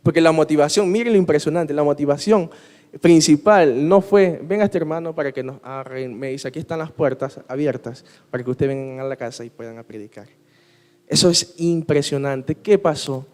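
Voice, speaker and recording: With a fairly high, darkish voice and a brisk pace, a man preaches conversationally, using rhetorical questions and personal stories. He can't pronounce his R sounds properly, and a long hall reverb surrounds him.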